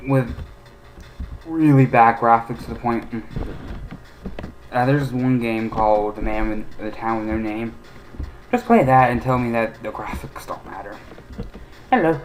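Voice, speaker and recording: A man's voice: medium pitch, fairly even intonation, a little slow, long pauses, low-quality recording. A man casually commenting on a retro game he is playing, rambling and opinionated with many hesitations. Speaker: let's play host.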